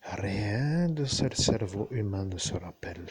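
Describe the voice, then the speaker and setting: A man with a Lorraine French accent, talking to his viewers in a slow, wandering monologue and often turning to address the listener directly. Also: fairly low pitch, animated, husky. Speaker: vlogger. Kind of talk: rambling monologue to camera.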